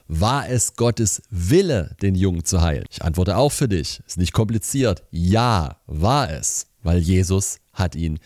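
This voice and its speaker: A man's voice: lowish voice, darkish tone, no room sound, studio quality. A man giving informal Bible teaching in a conversational, emphatic way, often asking rhetorical questions. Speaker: preacher.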